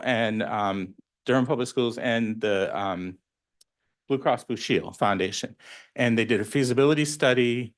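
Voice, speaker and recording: A man who runs a school nutrition program, explaining at a public board meeting in a plain way with frequent ums. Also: medium pitch.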